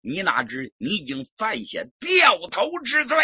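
A man's voice: high-pitched, huge pitch swings, unhurried, sharp tone, husky, no echo, exaggerated voice. A man playing an arrogant, hot-tempered young prince commander who bellows and mocks. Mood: haughty. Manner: bellowing, imperious, mocking. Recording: dull lo-fi recording.

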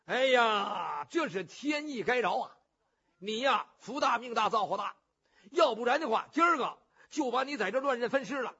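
A male storyteller voicing a brash, boisterous young warrior who shouts and blusters. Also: very high-pitched, expressive, normal speed, breathy edge, heavily acted. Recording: muffled lo-fi recording.

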